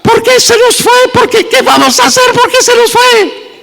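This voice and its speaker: A man voicing a grieving woman mourner at a funeral, wailing in a high falsetto. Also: very animated, moderate pace, gravelly, a bit bright, exaggerated voice. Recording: long reverb of a large hall.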